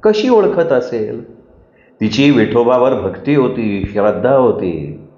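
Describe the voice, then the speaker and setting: A kind, patient young wanderer, as a male narrator plays him, speaking low and soft at an unhurried pace. He reassures rather than argues. The sound is roomy and dull. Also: lively intonation. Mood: calm. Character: gentle young wandering man, calm and kind.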